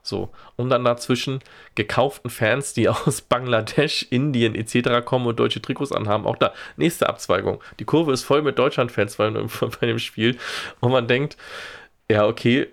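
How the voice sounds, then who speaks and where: A man's voice: mid-range voice, normal speed, vocal fry. A man talking casually on a podcast, wry and exasperated, using dry gallows humor. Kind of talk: casual chat.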